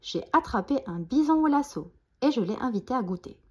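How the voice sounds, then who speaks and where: A woman voicing a small, eager boy hamster who dreams of being a cowboy, speaking high and excited in a storybook. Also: a little fast, breathy edge. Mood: proud.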